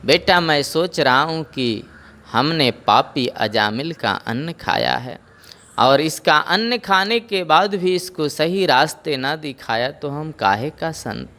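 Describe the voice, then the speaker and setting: A man voicing a patient, kindly old guru who speaks in a gentle, coaxing way. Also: a little high, lively intonation, slow, full character voice. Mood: earnest.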